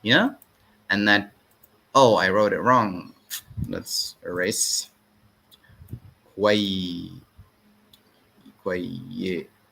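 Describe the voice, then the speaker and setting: A man's voice: lowish voice, takes it slowly, creaky, pauses often, sharp tone. A man teaching an informal language lesson, explaining step by step, repeating words and checking in with short tags.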